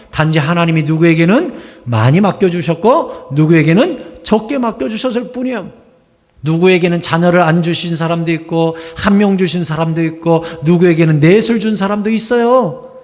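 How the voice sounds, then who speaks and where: High-voiced pastor preaching in a reverberant hall. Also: male voice. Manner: emphatic preaching, sudden loud outbursts when quoting complaints. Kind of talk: sermon. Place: church sanctuary. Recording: long church hall reverb.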